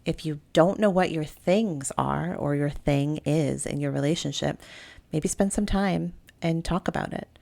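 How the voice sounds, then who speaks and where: Low, gravelly woman co-host, teasing. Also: measured pace, darkish tone. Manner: teasing, counselor-like summing up. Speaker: podcast co-host, therapist. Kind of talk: casual chat with partner. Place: home room with sleeping dogs.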